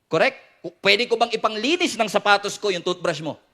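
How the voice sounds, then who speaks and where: A Filipino man delivers a sermon with a high, ringing, bright voice. He works the congregation with repeated refrains and direct questions. Playful jokes keep the preaching lively. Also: brisk. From Philippines. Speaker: pastor.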